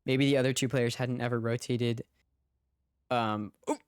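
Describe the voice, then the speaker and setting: Man, esports play-by-play, casual watch-party streamer, talks to chat, mid-pitched. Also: little pitch movement, fairly quick, clear, resonant tone, no room sound, studio quality.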